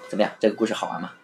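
A woman's voice: a bass voice, a little mellow, a little hiss or hum. Woman reading a children's story aloud.

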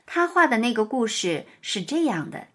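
A woman reading a children's picture-book story aloud. Her voice is fairly high and very animated, rising and falling in a sing-song storytelling way. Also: normal speed.

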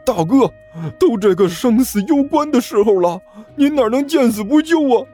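A man voicing a whiny younger sworn brother who begs, high and fast, in a husky voice with soft music behind. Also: wildly swooping pitch, full character voice. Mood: pleading. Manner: high, fast, wheedling and begging.

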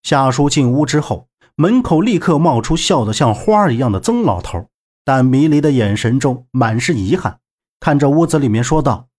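Man, audiobook narrator, husky voice, lively pitch, expressive. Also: moderate pace. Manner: expressive storytelling. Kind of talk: web novel audiobook narration.

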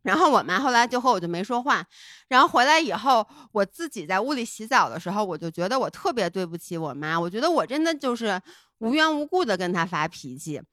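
Lively, candid woman telling a story. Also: medium pitch, a little fast, no room sound, studio quality. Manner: candid, rambling and heartfelt. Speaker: podcast co-host. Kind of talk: casual podcast storytelling.

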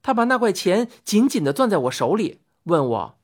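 With faint music behind her, a woman at a moderate pace and medium pitch relates a first-person story. She's lively and expressive, acting out what the characters say.

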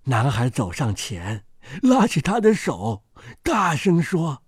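A storyteller reading a fairy tale aloud to children in a gentle, expressive way. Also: medium pitch, takes it slowly, slightly rough, no echo, studio quality.

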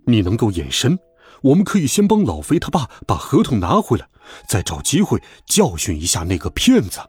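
A man voicing a soft-hearted but stern father in a children's story, speaking low and grumbling. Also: wildly swooping pitch, fairly quick, husky, no room sound, heavily acted.

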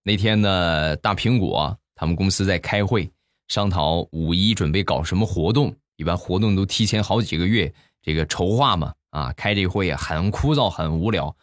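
A man hosts a comedy show, spinning jokes and anecdotes with a playful, lively delivery. His voice sits low. The sound is dry and close, with no room echo. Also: moderate pace. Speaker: podcast host. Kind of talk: comic storytelling.

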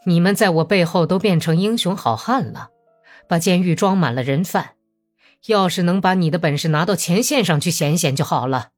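A hot-tempered Cossack officer, put on by a woman narrator in a novel reading, blunt and menacing. He speaks low and clipped. Quiet music sits far behind. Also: expressive, normal speed. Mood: angry. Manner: gruff, threatening, curt.

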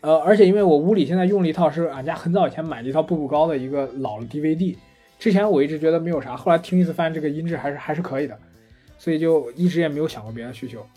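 A man co-hosting a casual podcast chat, telling anecdotes in a lively, chatty way. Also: a little high, rapid-fire, breathy edge, faint music behind. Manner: chatty storyteller, animated retelling of anecdotes. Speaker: podcast co-host. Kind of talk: casual chat about gadgets.

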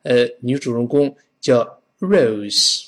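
Lively male English pronunciation teacher. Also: medium pitch. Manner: animated, drills words slowly for the listener to repeat; playful, acts out examples and sounds.

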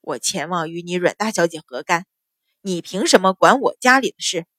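A woman voicing an arrogant, bullying male steward who blusters and shouts. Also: fairly low pitch, lively intonation, normal speed, no room sound, voice pushed down. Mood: blustering.

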